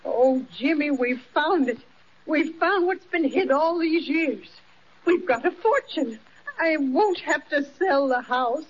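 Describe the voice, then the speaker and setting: Old radio serial: a high-voiced, folksy old aunt with rural dialect, always fretting, dull hissy recording. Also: female voice, expressive, slow. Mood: overjoyed. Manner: rural dialect, fretful exclamations. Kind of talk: 1940s radio acting.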